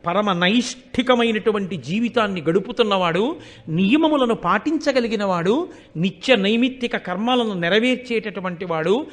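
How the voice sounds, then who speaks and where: A man with a very high voice gives a devotional discourse on an epic. He tells the story vividly, acting out the characters' lines and laying out each term in turn. His delivery swings between hushed stretches and loud, emphatic ones. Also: normal speed. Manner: animated storyteller, acting out quoted speech; explains terms one by one, swings between soft and loud. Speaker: religious discourse speaker.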